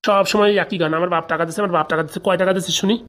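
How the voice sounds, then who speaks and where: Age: middle-aged figure. Figure: a woman playing a henpecked male politician husband. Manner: grumbling, exasperated, quick retorts. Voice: low for a woman, rattled off at a rushed clip. Style: comic cartoon voice acting. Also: fairly even intonation, fairly bright tone, lightly acted.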